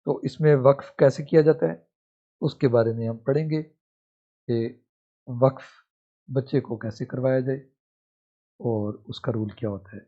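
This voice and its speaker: A man teaches a reading lesson, spelling each syllable slowly before blending them together. His voice is dark and husky. The recording is dull and muffled. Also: medium pitch, steady tone.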